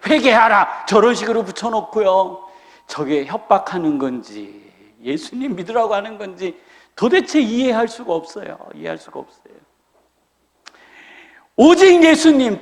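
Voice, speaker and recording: High-voiced pastor preaching in a reverberant hall. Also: male voice. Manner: lively and humorous, acting out quoted people. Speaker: senior pastor. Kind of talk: sermon. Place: church sanctuary.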